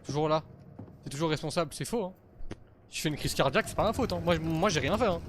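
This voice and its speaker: A male streamer giving excitable, slangy gaming commentary to his viewers, swearing now and then. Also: on the high side, fast talker, a little hiss or hum.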